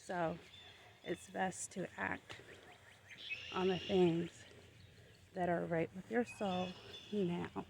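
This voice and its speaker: Woman vlogging on her phone on a walk outside, talks real slow and thoughtful, bit of faint nature sound behind. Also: on the low side, little pitch movement, vocal fry, noisy background. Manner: unhurried, reflective, gently motivational. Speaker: lifestyle vlogger. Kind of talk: casual reflective vlog monologue. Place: outdoors walking up a hill.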